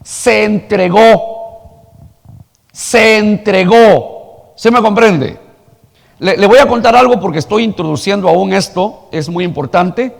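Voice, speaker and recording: A man's voice: high voice, slow, vocal fry, pauses often, long reverb tail. A man preaching a sermon as pastor, asking the congregation rhetorical questions and telling a story. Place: church hall.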